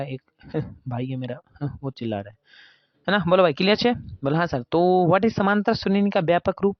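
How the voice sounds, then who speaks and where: A man's voice: fairly high pitch, dry recording, highs cut off. A man teaching a math class in a casual, chatty way, asking questions and answering them himself. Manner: chatty, asks and answers his own questions.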